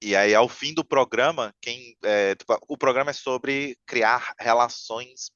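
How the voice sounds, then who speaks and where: A man's voice: mid-range voice, measured pace, a bit bright, no echo. A man telling a long story in casual podcast chat, rambling with many fillers and restarts. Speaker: podcast guest. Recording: muffled, lo-fi mic sound.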